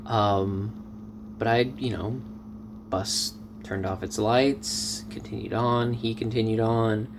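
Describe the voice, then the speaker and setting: A man telling a casual story in a vlog, animated, with excited outbursts. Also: lowish voice, slow, noisy background. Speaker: vlogger.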